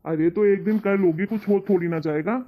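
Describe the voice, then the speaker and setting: A performer playing a patient middle-aged husband and father in a family comedy sketch, who tries to calm his wife down. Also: medium pitch, fairly quick, natural voice. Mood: placating. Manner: calm, placating, then fed-up. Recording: tinny phone-like audio.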